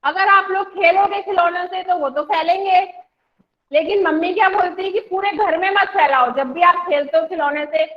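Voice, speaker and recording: A woman with a very high voice teaches young children in a class held online. She explains in simple words and recites the poem slowly and clearly. The sound comes through dull and lo-fi. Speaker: primary school teacher.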